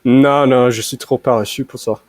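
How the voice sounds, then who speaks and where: A young American man, a native English speaker, practices casual conversation in French over a video call, with a strong American accent. His medium-pitched voice is darkish, dry and close with no echo, keeping a fairly even intonation at a moderate pace. As a learner, he hesitates a lot, using fillers and restarting sentences.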